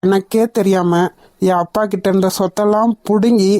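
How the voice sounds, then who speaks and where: A woman's voice: medium pitch, steady tone, moderate pace, mellow, dry recording, studio quality. A woman voicing a firm, indignant young man who stands up for his family home in a cartoon. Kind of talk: cartoon dubbing.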